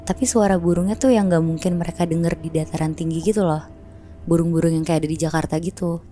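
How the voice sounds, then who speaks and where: A woman's voice: lowish voice, fairly even intonation, fast, dark tone, slight background noise. A woman casually telling a horror story on a podcast, chatty and slangy, acting out sounds.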